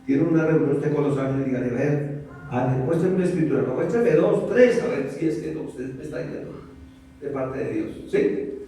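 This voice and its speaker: A Colombian man preaching with a fairly high voice, throwing question after question at his listeners. He slips into little acted-out voices as he goes. He sounds far from the mic, with the sound ringing through a big echoey hall. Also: brisk, slight background noise. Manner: animated, many rhetorical questions, acts out voices. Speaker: pastor. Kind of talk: lively sermon to a congregation. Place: church hall.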